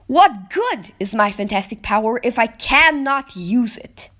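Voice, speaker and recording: A woman's voice: a little high, expressive, measured pace, a bit bright. A woman voicing a brash, wisecracking teenage boy superhero who thinks aloud dramatically in an amateur comic-book dub. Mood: anguished. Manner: brash, talks to himself dramatically.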